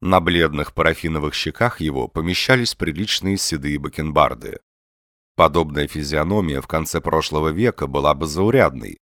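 A man narrating satirical prose in an audiobook reading with a wry, expressive delivery. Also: very deep voice, moderate pace, dry recording, studio quality.

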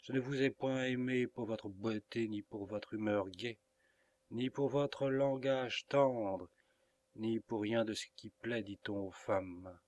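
A man's voice: lowish voice, fairly even intonation, takes it slowly, darkish tone, dry recording. A man reading an earnest young woman in love. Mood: tender. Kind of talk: audiobook reading.

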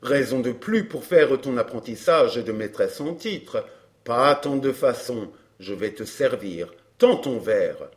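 A man voicing a smug, scheming fake baron, smooth and mocking in an audiobook drama. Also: mid-range voice, animated, takes it slowly.

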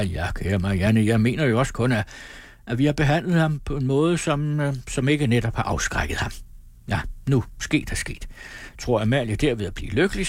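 A man's voice: medium pitch, dry recording, clean studio sound, lightly acted. A man reading aloud, voicing a pompous, hesitant older official and father who fumbles for his words. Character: elderly district official father, fussy and hesitant.

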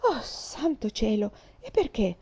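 A woman's voice: fairly low pitch, very animated, brisk, dark tone, breathy edge. Woman doing a blunt curious boy. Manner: blunt, questioning. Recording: slightly dull lo-fi recording.

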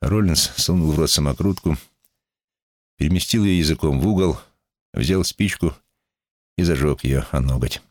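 A man reading an audiobook as narrator in an expressive, measured way. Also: very deep voice, no room sound, clean studio sound. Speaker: audiobook reader. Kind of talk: scripted narration.

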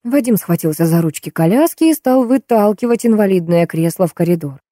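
A woman narrating a novel in steady, even scripted reading. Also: medium pitch, brisk, no room sound, studio quality. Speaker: audiobook narrator.

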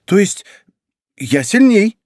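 A man's voice: high-pitched, sing-song, slow, darkish tone, dry recording, studio quality, pitched above the performer's own voice, exaggerated voice. A man reading an audiobook, voicing a playful, haughty girl in a sing-song, mock-pompous way. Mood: playful boasting.

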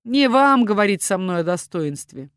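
A woman's voice: medium pitch, big pitch swings, normal speed, no echo, clean studio sound, lightly acted. A woman voicing a cold, haughty male dragon lord.

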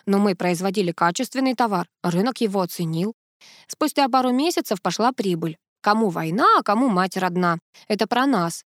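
A woman reading the part of a self-assured businesswoman and mother in an audiobook, with a brisk, matter-of-fact delivery. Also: mid-range voice, lively intonation, dry recording, clean studio sound, natural voice. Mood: brisk, proud.

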